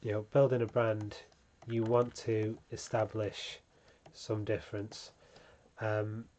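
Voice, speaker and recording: Guy doing a chill branding tutorial, lots of ums, pretty flat delivery. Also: lowish voice, slow pace, slight background noise. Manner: relaxed, many ums, self-correcting. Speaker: channel host teaching branding. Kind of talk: casual tutorial talk.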